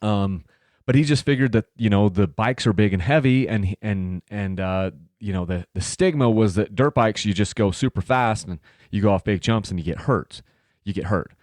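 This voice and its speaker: Low-voiced man in his thirties hosting a podcast. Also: moderate pace, darkish tone, no room sound, studio quality. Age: 30s. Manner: rambling, many fillers and restarts. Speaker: podcast host. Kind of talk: casual solo podcast talk.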